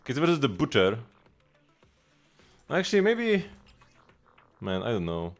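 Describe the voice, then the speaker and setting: A man's voice: mid-range voice, wildly swooping pitch, unhurried, faint music behind. A man livestreaming a video game, chatting casually and explaining team strategy in a rambling way with frequent restarts.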